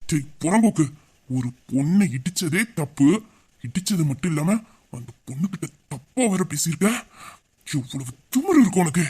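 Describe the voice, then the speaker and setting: Audio drama: a hot-headed young boyfriend, anxious then threatening, played by a man; voice sits high. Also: big pitch swings, a little fast, a little mellow. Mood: furious. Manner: worried questioning, angry threats. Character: protective young man, heroine's lover, hot-tempered. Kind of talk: amateur Tamil audio drama.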